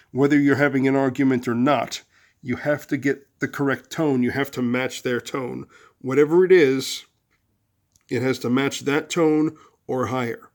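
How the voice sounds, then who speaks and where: A man hosting his own advice video, rambling through a long story with fillers and restarts, and rising loud and high when he acts out angry lines. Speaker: host of a relationship advice video series. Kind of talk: casual advice monologue with storytelling.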